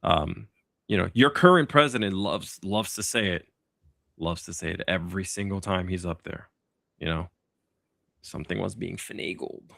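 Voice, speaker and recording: A man with a gravelly, fairly low voice hosts a casual political podcast. He rambles a little, restarts his sentences and drops sarcastic asides. The recording is dry and close, with no room sound. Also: normal speed, fairly bright tone, dry recording. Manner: loose and sarcastic, with many fillers and restarts. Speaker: podcast host.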